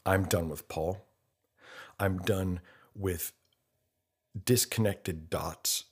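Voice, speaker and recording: A man's voice: sits low, breathy edge. A man in his fifties, a podcast host delivering an impassioned, blunt monologue with rhetorical questions. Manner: earnest and blunt, with rhetorical questions and mocking quoted voices.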